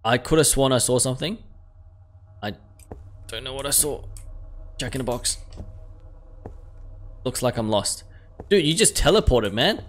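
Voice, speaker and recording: A man's voice: medium pitch, a little slow, long pauses, a little hiss or hum. A man in his thirties giving casual, sweary commentary on a horror game, sounding scared and jumpy. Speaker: video game streamer. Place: indoor room at home. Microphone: close desk microphone, wearing headset.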